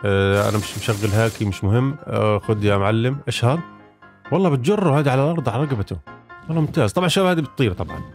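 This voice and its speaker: A man's voice: mid-range voice, lively intonation, racing, faint music behind. A man giving casual, rambling gameplay commentary, chatting to his viewers as he plays. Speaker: gaming YouTuber.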